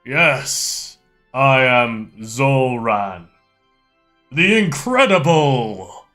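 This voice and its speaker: A man voicing a grandiose, disdainful fortune teller in a tabletop game, with booming, theatrical proclamations. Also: expressive, very slow, sharp tone, faint music behind, exaggerated voice. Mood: grandly welcoming. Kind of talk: tabletop game role-play.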